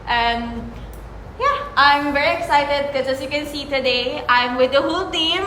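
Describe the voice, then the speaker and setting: Upbeat Filipino woman hosting, slightly high. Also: unhurried, sharp tone, a little hiss or hum. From Philippines. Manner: upbeat, switches between English and Tagalog. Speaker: membership consultant and podcast host. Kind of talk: casual podcast chat while eating. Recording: echoey room.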